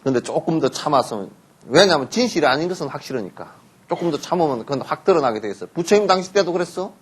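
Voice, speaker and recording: A man's voice: on the high side, fast, husky. A man giving a Buddhist sermon, telling stories, acting out parents and children in quotes, and often asking listeners to agree. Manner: lively storytelling, acts out parents and children in quotes, asks listeners for assent. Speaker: Buddhist teacher giving a dharma talk.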